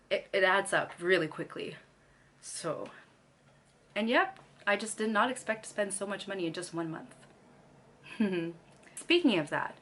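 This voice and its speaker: This young Canadian woman vlogs casually to the camera, laughing often between sentences. Her mid-range voice has a fairly bright tone, though her throat is still slightly scratchy after she lost her voice.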